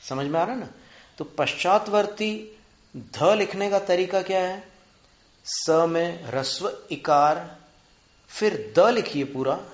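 A man teaching spelling and pronunciation, drawing out syllables slowly, counting them aloud and asking his students questions. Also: high voice. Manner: asks students rhetorical questions. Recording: muffled echoey room.

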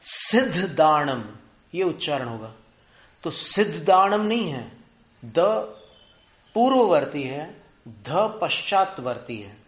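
A man teaching spelling and pronunciation, drawing out syllables slowly, counting them aloud and asking his students questions. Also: on the high side, sing-song. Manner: asks students rhetorical questions. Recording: muffled echoey room.

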